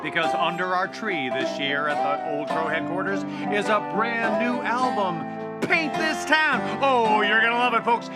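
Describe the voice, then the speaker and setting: A man hosting a musical variety show with showy, theatrical, folksy and wordy announcing. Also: sits high.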